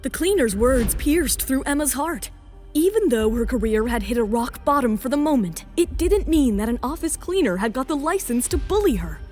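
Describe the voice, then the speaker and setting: A woman with a high-pitched, slightly mellow voice narrates a scripted audio drama in a dramatic storytelling style, with background music playing underneath.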